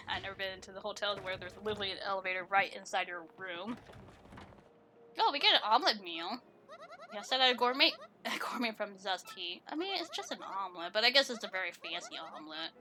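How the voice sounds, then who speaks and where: A woman's voice: mid-range voice, animated, a little fast, bright, forceful tone, a little hiss or hum. A woman giving casual, giggly gameplay commentary, chatting with lots of fillers. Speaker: let's play gamer.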